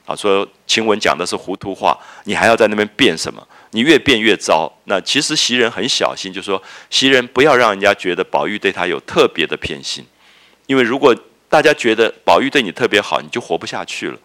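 A male lecturer with a low voice and a lively, swooping intonation walks listeners through a classic novel. He glosses each quote in plain speech, scattering fillers as he explains. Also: fairly quick. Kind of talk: literature lecture.

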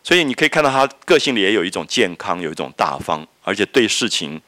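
A man's voice: fairly low pitch, sing-song, quick pace, pushed and bright, no room sound. A middle-aged man, lecturing on a classic novel, reading passages aloud and then explaining them. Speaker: literature lecturer.

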